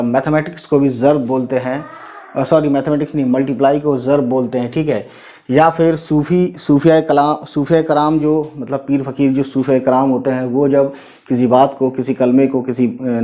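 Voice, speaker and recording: A man teaching as a language tutor, talking casually, slowly sounding out letters and often adding little tag questions to check on his students. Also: medium pitch, mellow. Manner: slow, repeats letters and sounds out spellings; frequent "theek hai" and "hai na" tags.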